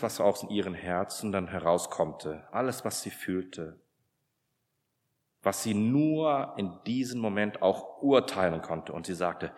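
Man, low voice, sermon, storytelling, hesitant restarts, long hall reverb. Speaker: preacher.

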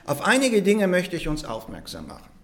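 Male pastor, animated pitch, emphatic conversational sermon delivery. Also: a little fast, vocal fry. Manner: lively, emphatic preaching with frequent "ja?" asides.

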